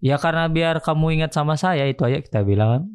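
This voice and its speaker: A man from Indonesia, a podcast guest, telling his story in relaxed, slangy casual speech and telling it in an animated way. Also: a little high, fast talker, clear, resonant tone.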